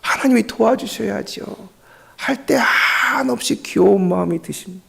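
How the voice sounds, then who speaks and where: A male pastor with a high voice for a man, preaching a Sunday sermon. He speaks earnestly and weaves simple stories into his message. He keeps turning to the congregation as he speaks. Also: normal speed, vocal fry, a bit bright, slightly rough. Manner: earnest, storytelling, addresses the congregation often.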